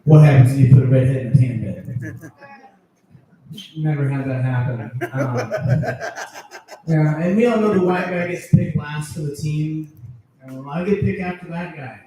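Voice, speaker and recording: Here a male comic with a mellow, somewhat high voice delivers a filthy, swear-filled club set at a moderate pace, laughing along at his own material before an audience. The sound comes through a handheld stage mic captured from afar, leaving the room echoey and a little noisy.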